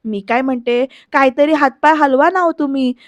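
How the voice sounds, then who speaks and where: A wheedling, ambitious daughter-in-law, read by a woman. She sounds high and dry, pleading with her husband and grumbling about her lowly place. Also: a little fast, dry recording, close to an everyday voice.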